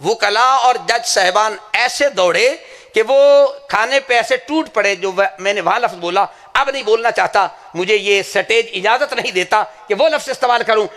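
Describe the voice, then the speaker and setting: A man's voice: sits high, fairly bright tone. A man from Pakistan preaching an impassioned sermon at a madrasa gathering, telling anecdotes and swearing to his sincerity.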